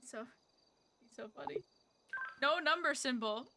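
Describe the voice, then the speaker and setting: A woman's voice: high-pitched, measured pace, noisy background. A woman streamer playing a blunt, teasing mother who laughs often in a casual role-play chat. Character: teasing, swearing mother of a grown daughter.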